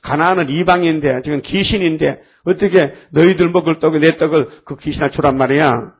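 A man's voice: a little high, a little fast, breathy edge, lo-fi sound. A male preacher voicing Jesus as a stern teacher bluntly refusing a foreign woman. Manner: blunt, rebuking.

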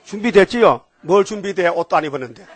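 A man with a Gyeongsang Korean accent preaching a sermon in a lively way, often firing questions at his congregation. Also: sits high, quick pace, slightly rough, some chatter behind. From Gyeongsang region, Korea. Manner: animated, questions the congregation, jumps between topics. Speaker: pastor.

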